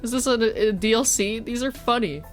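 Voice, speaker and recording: With soft music playing behind her, a woman streamer and teacher talks casually at a moderate pace in a fairly high voice. She's sniffly and stuffed up, chatty, prone to swearing, and self-deprecating.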